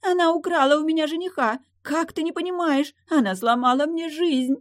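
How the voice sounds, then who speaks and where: A woman's voice: lowish voice, very animated, normal speed, no echo, studio quality. A woman voicing a spoiled, haughty young noblewoman who whines and pouts, in a read-aloud novel. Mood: shrill. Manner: capricious, whining.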